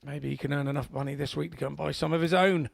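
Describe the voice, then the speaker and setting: A man's voice: on the high side, fairly even intonation, quick pace, creaky. A man co-commentating on live darts in a chatty, informal way with rambling asides.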